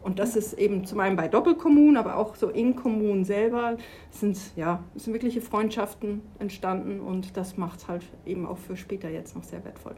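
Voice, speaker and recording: A middle-aged Swiss woman who works as a sports organization official talks enthusiastically about her work in sport during a conversational interview. Her mid-range voice is brisk and warm, with a breathy edge.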